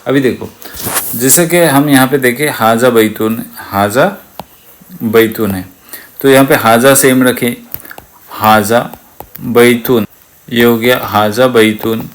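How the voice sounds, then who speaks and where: A man gives an online Arabic lesson at a very unhurried pace. His voice sits at an ordinary middle pitch. He patiently repeats every word and turns to ask the listener to echo it. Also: steady tone. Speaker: Arabic teacher.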